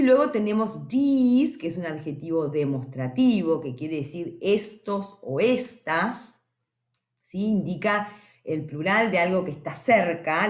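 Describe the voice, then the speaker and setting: Female teacher for a recorded lesson, patient explainer, very expressive up-and-down delivery, roomy echo. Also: fairly low pitch. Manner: explains patiently, often asks "¿sí?" to check understanding; says English words slowly and clearly. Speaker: English teacher.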